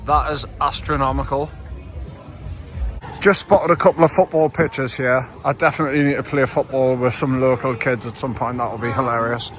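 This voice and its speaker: A young man with a Geordie accent, chatting excitedly through a casual travel vlog outdoors by the sea. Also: medium pitch, moderate pace, soft background music. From North East England. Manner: chatty, excitable, swears and laughs. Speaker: travel vlogger.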